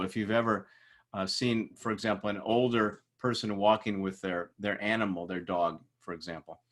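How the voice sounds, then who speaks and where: A man's voice: lowish voice, fairly bright tone. A man teaching a recorded lecture in a casual, conversational way, with frequent fillers and restarts.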